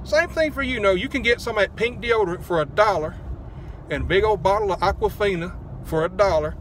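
A man's voice: sits high, fairly quick, fairly bright tone, slight background noise. A man, vlogging from a parked car in a rambling, joking, self-deprecating way on a phone held close. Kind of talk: casual car vlog.

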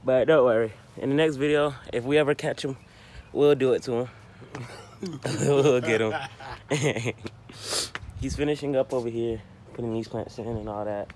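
A man's voice: medium pitch, steady tone, normal speed, a little mellow. A young man hosting a casual prank vlog, laughing and talking loosely in slang. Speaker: vlogger. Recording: noisy phone video.

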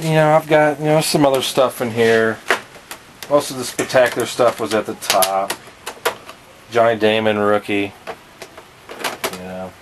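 A man's voice: mid-range voice, background noise. A young man in his twenties casually showing off his collection in a cluttered basement, rattling off items with fillers, recorded on a handheld camera. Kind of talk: casual show-and-tell.

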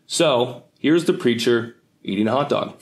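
A man's voice: mid-range voice, expressive, measured pace, background noise. A young man talking straight to the camera from a couch indoors, casual and wry. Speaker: host. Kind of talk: to-camera commentary.

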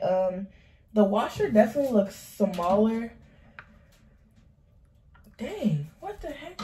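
A breathless 19-year-old vlogger from Michigan talks casually to viewers from inside her home, calling them y'all. Her voice is mid-range, and there's background noise.

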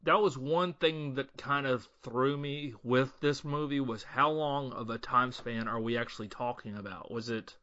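A man with a bright, forceful voice talks through a film's plot in relaxed podcast chat, now and then acting out quoted lines. The recording is dry and close, with a dull, lo-fi tone. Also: mid-range voice, normal speed, few pauses, no room sound. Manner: conversational, retells the plot and acts out quotes. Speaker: podcast co-host. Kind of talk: casual chat.

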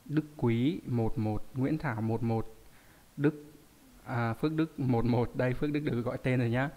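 A man's voice: medium pitch, moderate pace, warm tone. A man teaching a live online lesson, reading out viewer names and explaining word readings with frequent rhetorical questions. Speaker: Japanese teacher.

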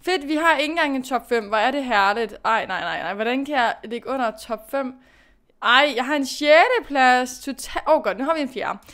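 Animated and a little bright, a young woman's high voice runs through casual commentary on her horse racing game. As a gaming YouTuber, she talks to herself throughout, chiding herself one moment and cheering herself on the next.

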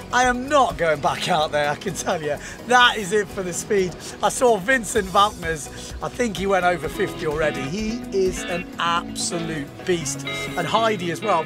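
A man in his thirties vlogging outdoors on a windy beach into an action camera, talking fast and excitedly, swearing and laughing. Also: sits high. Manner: breathless, swearing, laughing, keyed up. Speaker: windsurfing vlogger, host. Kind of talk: excited casual vlog chat. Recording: music playing behind.

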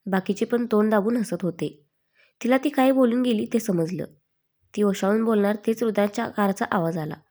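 A woman narrates a scripted story expressively, using a mid-range voice at normal speed.

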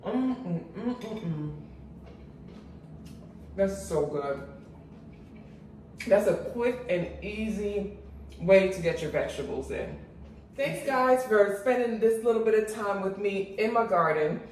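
With a medium-pitched, somewhat dark voice, a woman speaks expressively and at a measured pace in a chatty vlog about her patio garden and kitchen, addressing viewers as "guys." She's a cooking and gardening vlogger who moves from an outdoor high-rise patio to her home kitchen. A distant mic leaves the audio echoey and noisy.

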